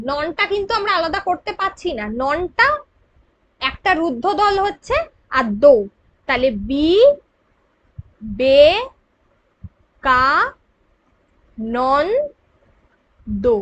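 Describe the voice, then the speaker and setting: A woman's voice: high voice, fairly bright tone. A woman teacher with a Bengali accent explaining grammar for an exam, patient and checking in with her students. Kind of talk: exam prep grammar lesson.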